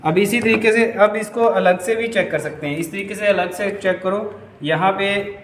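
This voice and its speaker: High-voiced man teaching fan repair. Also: normal speed, echoey room, slight background noise. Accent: Hindi. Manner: talks while working, rhetorical questions, repeats "ठीक है". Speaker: electrical repair instructor. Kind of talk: hands-on repair tutorial.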